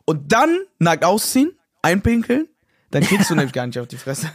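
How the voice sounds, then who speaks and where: A young man co-hosting a podcast in casual chat, slangy and excitable, acting out quotes. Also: fairly high pitch, normal speed, dry recording, clean studio sound. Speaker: podcast co-host.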